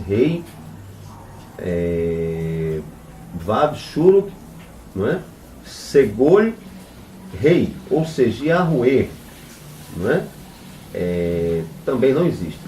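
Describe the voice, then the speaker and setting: A man leads a religious lesson as a rabbi, talking slowly with a mellow, relaxed voice. He spells out Hebrew letters one at a time and keeps asking his listeners "right?" along the way. He is heard from a distance in a roomy, echoing space with faint noise underneath. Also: lowish voice. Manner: spells out letters and vowel marks one by one, asks "right?" after nearly every phrase; emphatic when denouncing false claims. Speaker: rabbi teaching a class. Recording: echoey room, mic at a distance.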